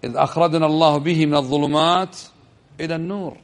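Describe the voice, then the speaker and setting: A man giving a religious lesson, explaining step by step and checking the listeners with quick questions, slowing down over quoted verses. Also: fairly high pitch, fairly even intonation. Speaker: religious teacher.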